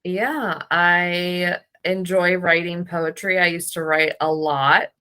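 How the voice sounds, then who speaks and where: A woman with a slightly low but sharp, bright voice speaks casually. She explains things slowly in a measured, matter-of-fact way. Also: fairly even intonation, clear, resonant tone. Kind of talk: casual conversation.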